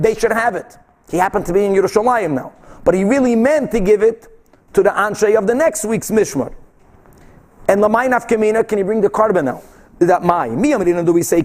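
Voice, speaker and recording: A man's voice: high-pitched, a little mellow. A man teaching a religious text, reading and explaining aloud, asking and answering his own questions and repeating phrases for emphasis. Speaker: Talmud teacher.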